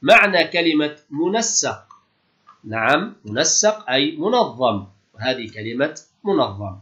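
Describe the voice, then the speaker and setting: Male teacher, patient and encouraging, reads words out clearly; dull lo-fi recording. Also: a little high, big pitch swings, unhurried, sharp tone. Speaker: Arabic teacher. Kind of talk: classroom lesson explanation.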